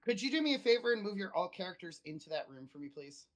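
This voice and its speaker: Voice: mid-range voice, big pitch swings, quick pace. A game master casually narrating a tabletop fantasy game and guiding the players.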